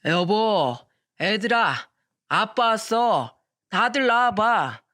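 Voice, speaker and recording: A woman voicing a drunk, bossy middle-aged husband and father who scolds loudly with slurred words. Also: mid-range voice, expressive, very slow. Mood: drunken scolding.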